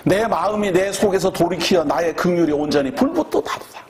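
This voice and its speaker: A man's voice: high-pitched, brisk, a crowd in the background. A man preaching a sermon as pastor, emphatic and conversational, repeating key words for stress and putting questions to the congregation.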